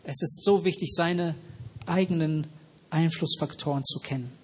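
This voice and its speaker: Husky-voiced man preaching a sermon. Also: fairly high pitch, normal speed. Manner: asks the congregation questions and repeats their answers. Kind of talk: interactive sermon. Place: church hall with noisy ventilation.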